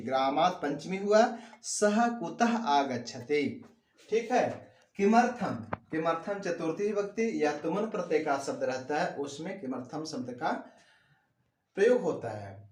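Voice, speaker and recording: A man's voice: a little high, roomy sound. A man teaching Sanskrit grammar to students. He reads each sentence out and then explains what it means, repeating the key words with emphasis. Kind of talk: classroom lesson explaining grammar.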